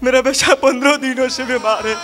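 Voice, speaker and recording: A man's voice: very high voice, steady tone, a little fast, loud music behind the voice. A man playing a desperate, pleading poor father. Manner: pleading, tearful, stammering. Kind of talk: devotional stage play acting.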